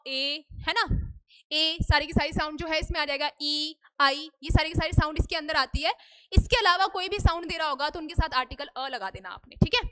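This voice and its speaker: तेज़ ऊँची आवाज़ वाली शिक्षिका. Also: female voice, high voice, bright, forceful tone. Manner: asks students questions and answers them herself, repeats "ठीक है?". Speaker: English teacher. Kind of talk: Hindi-English grammar lesson. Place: classroom.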